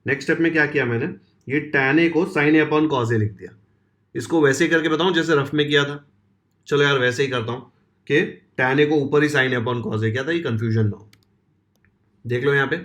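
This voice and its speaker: A man's voice: mid-range voice, fairly bright tone. A man teaching a maths lesson to school students. He talks to them in an informal, friendly way and walks through each step he writes.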